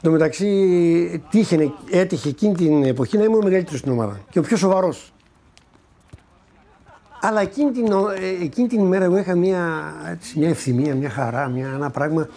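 An older man with a fairly high, expressive, mellow voice tells an interviewer about winning the lottery. He acts out the dialogue as he goes and trips over repeated words whenever emotion takes hold.

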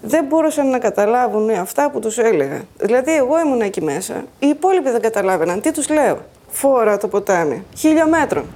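A woman's voice: on the high side, big pitch swings, dark tone, a little hiss or hum. A woman giving a plain, earnest first-person account of surviving a flood. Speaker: flood survivor telling her story. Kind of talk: personal testimony.

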